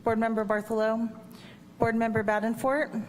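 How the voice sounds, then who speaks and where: A woman's voice: fairly high pitch, level tone, moderate pace. A woman acting as meeting clerk, reading a formal roll call. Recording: reverberant hall, faint noise.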